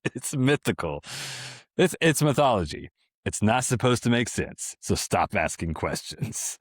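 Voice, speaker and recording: Deep, dry-voiced deadpan announcer for a mock ad, as a podcast host puts him on. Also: male voice, a little slow, no room sound. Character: deadpan male newscaster reading a spoof ad. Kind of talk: mock commercial read.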